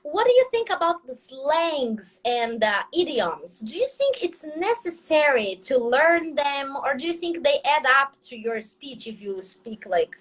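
A woman from Brazil with a Brazilian Portuguese accent, chatting and asking questions in a lively, laughing way, switching languages as she goes. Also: high voice, slow, few pauses. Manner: animated, laughs often, switches between languages mid-sentence. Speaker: conversation partner asking questions. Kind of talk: casual multilingual chat.

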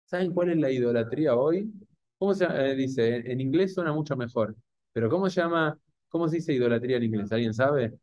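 A man with a Rioplatense Spanish accent giving a Torah class to an audience, animated and full of rhetorical questions. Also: mid-range voice, fairly quick, no room sound. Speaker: rabbi or Torah teacher.

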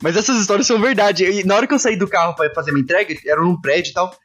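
A man's voice: high-pitched, racing, a bit bright. A man hosting a podcast, telling rambling, self-mocking stories in casual chat. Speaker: podcast host.

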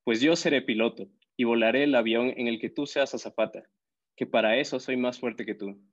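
A man voicing a tall, boastful schoolboy who talks loudly and scornfully, in an audiobook story on a slightly dull recording. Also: medium pitch, fairly quick, lightly acted. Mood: smug. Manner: loud and scornful.

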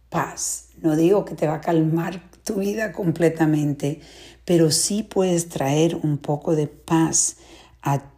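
A woman with a low, mellow voice gives a calm, reflective talk. She speaks very slowly and soothingly, with long pauses. Now and then her voice drops to a breathy near-whisper. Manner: soft, slow and soothing, with pauses. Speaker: wellness speaker.

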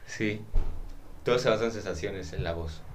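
A man with a Mexican Spanish accent, co-hosting a podcast in casual chat, slangy and animated, with frequent swearing and asides. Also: lowish voice, moderate pace, slight background noise. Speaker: podcast co-host.

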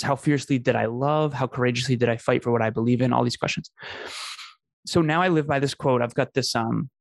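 With a gravelly, medium-pitched voice, a podcast host recounts his life story as a guest, earnest and emphatic in a conversational style. He repeats phrases for effect, and the studio-quality recording has no echo.

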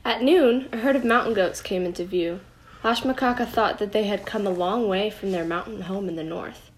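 A middle-aged woman reading a children's storybook aloud at home, gently and expressively. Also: medium pitch, moderate pace, a little hiss or hum. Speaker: storybook reader.

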